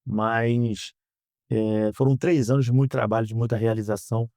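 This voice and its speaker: A Brazilian man in his thirties answering interview questions in an earnest, measured way, often ending phrases with a questioning tag. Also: medium pitch, fairly even intonation, darkish tone, no room sound, studio quality. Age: 30s. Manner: earnest, measured, frequent "né?" tags. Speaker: guest, politician. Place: podcast studio.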